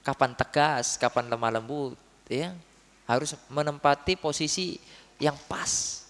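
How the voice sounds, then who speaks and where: A man giving a religious study talk, telling stories with lively acted quotes and often addressing his listeners as "Pak". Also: on the high side, unhurried. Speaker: preacher. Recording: long hall reverb.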